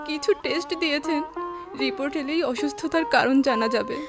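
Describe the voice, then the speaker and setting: An actress playing an anxious, devoted young bride-to-be with melodramatic old radio show delivery. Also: female voice, high voice, moderate pace, music in the background. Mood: worried. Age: young adult. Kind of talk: radio drama acting.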